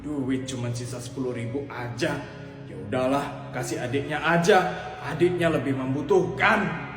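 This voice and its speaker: A man voicing a kind, poor man who speaks softly and sympathetically in a comedy sketch voice-over. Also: medium pitch, fairly even intonation, normal speed, lightly acted. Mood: sympathetic. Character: kind-hearted poor man, soft and pitying. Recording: echoey with loud background music.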